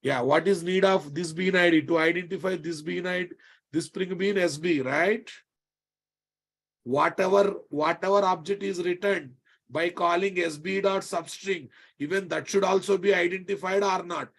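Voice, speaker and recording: A man with a Telugu Indian accent gives a live technical lesson in a fairly high-pitched voice. He is emphatic, repeats key phrases and punctuates his explanation with short checking questions. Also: fairly even intonation, normal speed, fairly bright tone. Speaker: programming instructor.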